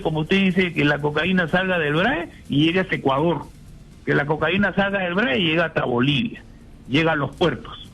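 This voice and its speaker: A man's voice: fairly high pitch, a bit bright, breathy edge, low-quality recording. An older man, a retired general, speaking indignantly as a radio guest and firing off rhetorical questions. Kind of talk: phone-in radio interview.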